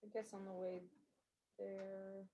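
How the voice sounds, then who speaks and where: A woman playing a tabletop game, making wry, quick remarks. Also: medium pitch, flat delivery, mellow, slight background noise. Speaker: player.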